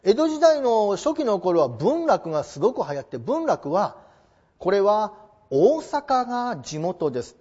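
A man's voice: high voice, darkish tone, breathy edge. A man giving a polite, explanatory classroom lecture, posing rhetorical questions to his listeners, on a dull lo-fi recording. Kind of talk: classroom lecture on traditional theatre.

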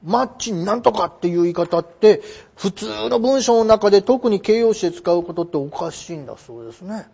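A middle-aged man explains English phrasing in a polite, roundabout lecture style with plenty of fillers. His voice sits high and swings widely in pitch, with a husky edge. The recording is dull and lo-fi. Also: expressive, normal speed, few pauses, warm tone. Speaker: English teacher.

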